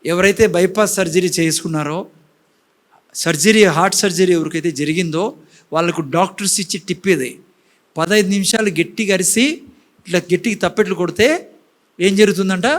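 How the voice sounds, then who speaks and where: A man with a high voice gives a lively sermon in a church. He keeps asking the congregation questions and drops words into his preaching. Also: normal speed, pauses often. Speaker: pastor.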